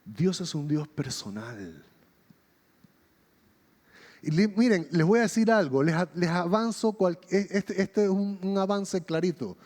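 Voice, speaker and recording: Pastor preaching in a reverberant church. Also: male voice, expressive, a little slow, a little mellow. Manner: storytelling, acting out quoted dialogue with shifting pitch and pace. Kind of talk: sermon. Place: church hall. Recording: long reverb of a church hall.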